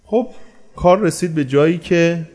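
This is a sermon from a man whose voice sits a little high. He tells a story with animated delivery, asking rhetorical questions only to answer them himself.

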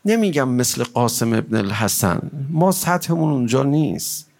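A man leads a mourning recitation in a voice of ordinary pitch for a man. His delivery is impassioned and pleading. At times it swells into a chant. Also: sing-song, vocal fry, a little mellow. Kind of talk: emotional mourning recitation to a gathering.

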